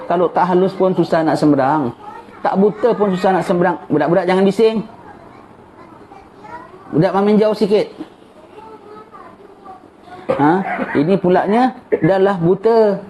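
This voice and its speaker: A man's voice: high voice, a little mellow. A man teaching a live religious lecture, repeating phrases and prompting his listeners with "ya" and "ha?". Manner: repeats phrases, tag "ya" and "ha?" to the audience. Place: gathering with children present. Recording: muffled lecture recording with faint hiss.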